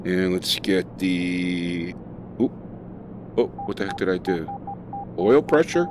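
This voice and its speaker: Flying in a simulator, a streamer gives casual gameplay commentary at a slow pace, thinking out loud with fillers. His voice sits low with lively intonation, over background noise.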